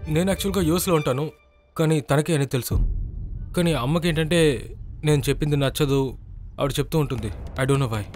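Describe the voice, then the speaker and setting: An actor playing the polite, worried adult son of a missing professor. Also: male voice, a little high, fairly quick, long pauses, darkish tone, soft background music, lightly acted.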